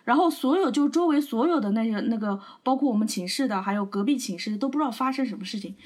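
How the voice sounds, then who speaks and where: A woman's voice: a little high, animated, fast talker, a crowd in the background. A young adult woman co-hosting a podcast, telling a long anecdote in casual, rambling chat. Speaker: podcast co-host.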